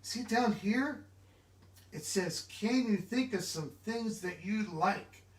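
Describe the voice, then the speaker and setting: A high-pitched man reads an animated children's storybook aloud, slowly and expressively, asking his young listeners questions. The sound is echoey, captured from a distant mic in a reverberant room.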